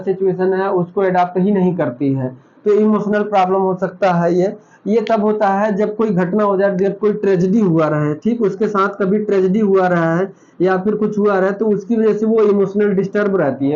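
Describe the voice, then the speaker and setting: A man lectures a nursing class in a high but mellow voice. He keeps asking questions and answering them himself, and he repeats each key term. The sound is dull and lo-fi. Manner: repeats key terms, asks and answers his own questions. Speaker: nursing teacher.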